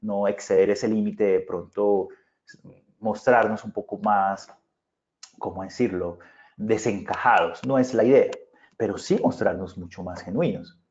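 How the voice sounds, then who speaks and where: A man's voice: fairly low pitch, steady tone, unhurried, darkish tone. A man with a Bogotá Colombian accent, a public speaking consultant giving a virtual conference lecture in a conversational way. He often checks in with his listeners. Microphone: video call. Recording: muffled video-call audio.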